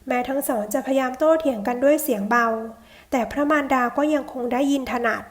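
A woman's voice: high voice, a little fast. A woman steadily narrating a translated period novel as an audiobook.

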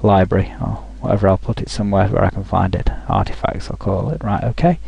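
A man talking through a software tutorial over a screen recording, thinking aloud with frequent restarts. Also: low-pitched, quick pace, creaky, slightly rough, no room sound, dull audio.

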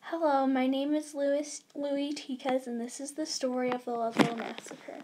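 A woman's voice: sits high, level tone, normal speed, darkish tone, a little hiss or hum, lightly acted, rough recording. A woman voicing a young male immigrant miner, in an earnest first-person school history narration read plainly aloud.

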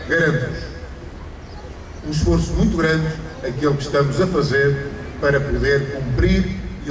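A man's voice: mid-range voice, noisy background. A middle-aged man with a European Portuguese accent giving a formal mayoral speech at an outdoor ceremony, speaking emphatically with repeated phrases and rising stresses. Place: outdoors under an awning at a ceremony. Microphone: stand microphone through a PA, filmed from afar. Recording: PA echo outdoors, distant camera, crowd.

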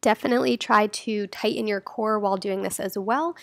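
A woman's voice: medium pitch, a little fast, gravelly, no echo, clean studio sound. A young woman in her twenties talking through a gym workout in a friendly, encouraging instructional voice-over. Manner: friendly, encouraging step-by-step coaching. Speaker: fitness vlogger.

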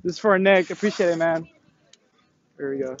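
A young man live-streaming outdoors on a college campus from a selfie stick, excitable and slangy, laughing often and swearing, out of breath and sweaty after push-ups. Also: on the high side, fairly quick, highs cut off, slight background noise. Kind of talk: casual live-stream chat. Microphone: selfie stick tripod.

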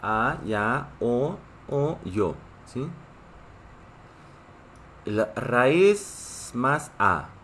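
Slow, patient Korean-native teacher, male. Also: medium pitch, big pitch swings, fairly bright tone, slight background noise. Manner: patient, repeats and checks in with "¿sí?"; reads chat and greets viewers. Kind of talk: live online language class.

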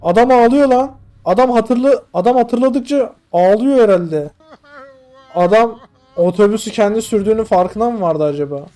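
A young man with a high voice jokes his way through a horror game at home. He mutters checklists under his breath and talks to his audience in loose slang, recorded on a desk mic. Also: normal speed, warm tone, faint music behind. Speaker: gaming YouTuber. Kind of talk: casual gameplay commentary.

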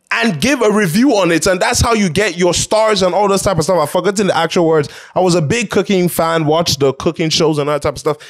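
An opinion show host with a high voice talks in a casual, conversational way. He is emphatic, repeating phrases to press his points.

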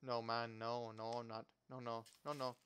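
A man's voice: mid-range voice, little pitch movement, normal speed. A man in a casual gaming chat, playful and teasing, who laughs often. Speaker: gamer. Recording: noisy mic with clicking.

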